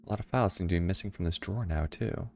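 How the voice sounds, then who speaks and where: A man streaming a video game, reading clues aloud and making wry, deadpan quips. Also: sits low, racing, a little hiss or hum. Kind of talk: casual gameplay commentary.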